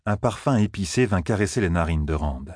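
A man narrating a fantasy novel as an audiobook, with a steady, expressive reading. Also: low voice, a little fast, dry recording, studio quality.

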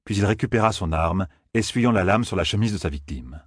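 A man reading a fantasy novel aloud as an audiobook narrator, with expressive storytelling. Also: sits low, brisk, slightly rough, no room sound, clean studio sound. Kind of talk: scripted narration.

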